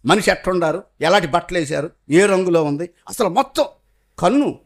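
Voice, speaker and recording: A middle-aged man preaching a sermon, asking rhetorical questions and swinging between loud emphatic bursts and hushed confession. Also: sits high, expressive, a little fast.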